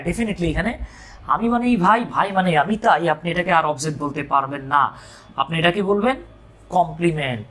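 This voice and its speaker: A man's voice: high voice, fairly bright tone. Man, grammar teacher, lesson talk, jokey asides, rhetorical questions.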